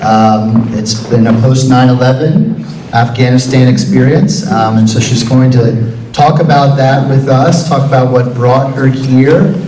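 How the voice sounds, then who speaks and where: A man hosting a church forum interview, relaxed and hesitant, with many pauses. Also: mid-range voice. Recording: echoey hall, voice from far off mic, faint noise.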